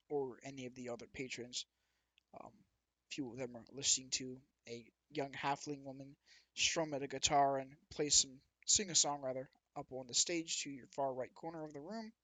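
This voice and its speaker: A man's voice: mid-range voice, pushed and bright, no room sound. Self-correcting male game master, dry sound. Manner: rambling, corrects himself often. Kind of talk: narrating a tabletop game.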